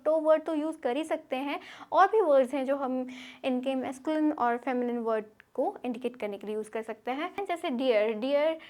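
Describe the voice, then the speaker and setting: A woman's voice: sits high, a bit bright. A woman with an Indian accent teaching English grammar in Hindi, checking in with listeners as she goes. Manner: explains in Hindi, checks in with frequent "theek hai". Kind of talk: classroom lecture over slides.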